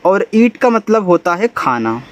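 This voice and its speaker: A man's voice: sits high, very animated, unhurried, a little hiss or hum. A young adult man teaching a lesson step by step, patiently repeating points and checking in with his listeners. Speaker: English teacher.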